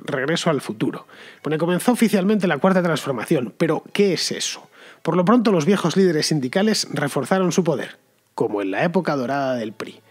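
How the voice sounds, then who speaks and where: A man with a Spanish accent hosts a commentary show and answers listeners. His voice is slightly husky and very lively in pitch. He talks loosely and often circles back to restart a thought. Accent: Spanish (Spain). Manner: conversational, wandering, frequent restarts. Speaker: podcast host.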